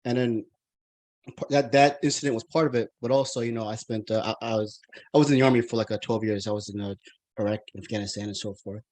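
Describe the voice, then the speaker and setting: A man's voice: lowish voice, fairly even intonation, fast, darkish tone. Rambling American man hosting a podcast. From United States. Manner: rambling, many restarts and fillers. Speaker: podcast host. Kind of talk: casual interview chat.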